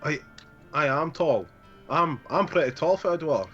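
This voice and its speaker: A man's voice: lively intonation, unhurried, a bit bright, lo-fi sound, faint music behind. A man doing a blunt, dim dwarf mercenary. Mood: defensive. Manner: blunt and crude, low mumbling asides.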